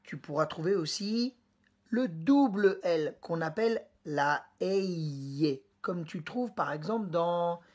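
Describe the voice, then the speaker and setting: A husky-voiced woman teaches pronunciation at an unhurried, deliberate pace. She speaks directly to her student, explaining each sound patiently and slowly repeating it for them to hear. Her voice sits slightly low. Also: expressive, darkish tone. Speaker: Spanish teacher. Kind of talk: pronunciation lesson.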